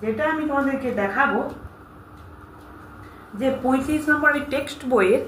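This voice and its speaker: A woman teacher, reading exam questions and their answers aloud and steadily telling students what to learn. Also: sits high. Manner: steady, instructive, addresses students directly. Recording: echoey room with faint hiss.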